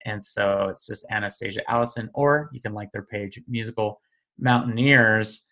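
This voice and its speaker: A playful podcast host runs the chat in a middle-pitched voice and teases the guest. They often switch into a quiz-show announcer's manner. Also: steady tone, normal speed, sharp tone. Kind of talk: casual interview hosting.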